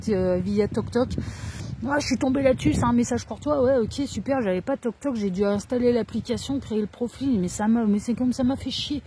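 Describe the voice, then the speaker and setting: A woman's voice: medium pitch, mellow, husky. A woman reading tarot cards in French, who talks casually and rambles into asides with many fillers. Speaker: tarot card reader. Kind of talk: casual card-reading monologue.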